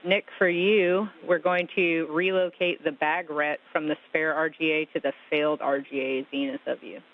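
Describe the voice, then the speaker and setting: A man speaking as a mission communicator over radio, giving measured procedural instructions in a technical, sci-fi communicator manner. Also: fairly high pitch, flat delivery. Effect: radio transmission. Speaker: spacecraft communicator in mission control. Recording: hissy, noisy, phone-like radio link.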